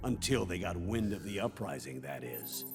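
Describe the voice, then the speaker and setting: A man playing a grave, commanding middle-aged military officer who delivers a measured video game mission briefing. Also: deep voice, very animated, vocal fry, over music, full character voice.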